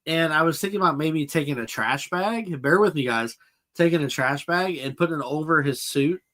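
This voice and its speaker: A man's voice: on the high side, normal speed, fairly bright tone. A man hosting a casual live chat about toys and films, answering viewers' comments as he goes. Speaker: toy collector channel host.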